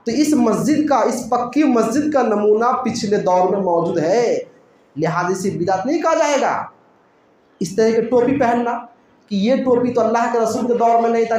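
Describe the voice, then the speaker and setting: A man giving a religious lecture in a mosque, explaining a point step by step and asking rhetorical questions that he answers himself. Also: very high-pitched. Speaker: Islamic preacher. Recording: very echoey room, faint noise.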